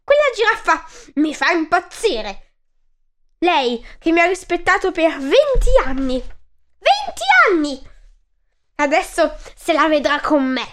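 A small, grumpy male mouse from a children's storybook, put on by a woman reading aloud. He squeaks his words high and shrill, bristling with indignation, with the voice lifted well above the reader's own. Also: very animated, measured pace, fairly bright tone, a little hiss or hum, exaggerated voice. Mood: annoyed.

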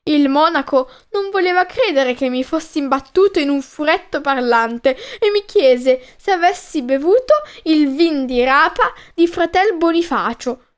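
A woman's voice: high-pitched, animated, a little slow, few pauses. A woman reading as a flustered old-time monk. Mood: aggrieved. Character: flustered medieval male monk writing a chronicle.

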